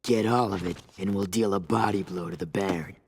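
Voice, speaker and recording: Low husky resistance boss. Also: male voice, steady tone, brisk, heavily acted. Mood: stern, commanding. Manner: curt, authoritative. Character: gruff, commanding male underground resistance boss. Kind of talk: video game voice acting.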